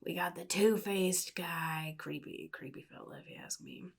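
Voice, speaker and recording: A woman acts out a chaotic comic-book supervillain in an ASMR roleplay. The voice is fairly low and husky, often sinking into a breathy whisper. The delivery is sly and theatrical, a gleeful villain drawling advice. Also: steady tone, moderate pace. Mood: advising, wry. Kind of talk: soft-spoken ASMR roleplay monologue.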